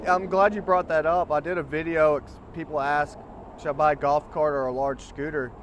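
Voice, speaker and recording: A man's voice: on the high side, fairly even intonation, normal speed. A man chatting casually and informally as a scooter dealer, explaining a product to a customer. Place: outdoors. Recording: outdoor ambient noise.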